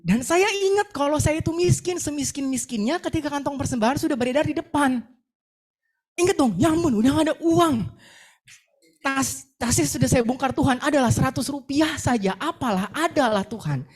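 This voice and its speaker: A woman's voice: high-pitched, expressive, brisk. A young adult woman gives a sermon testimony, telling her story vividly and acting out her own words and prayers. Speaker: preacher sharing a testimony.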